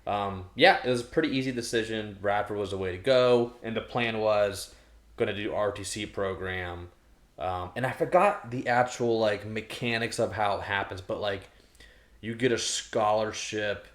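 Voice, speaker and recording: A man's voice: fairly low pitch, moderate pace, fairly bright tone. A man in his thirties co-hosting a podcast, talking casually and rambling with many restarts. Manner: rambling, full of restarts and fillers. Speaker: podcast co-host. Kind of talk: casual chat. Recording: roomy echo.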